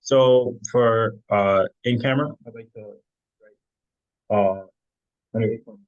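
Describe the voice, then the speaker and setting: A man's voice: mid-range voice, steady tone, takes it slowly. A man at an online meeting, hesitantly moving amendments with many fillers, his computer audio crackling and cutting out. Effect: crackling audio that keeps cutting out. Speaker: council member. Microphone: computer mic on a video call. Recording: dull, dry, crackling call audio.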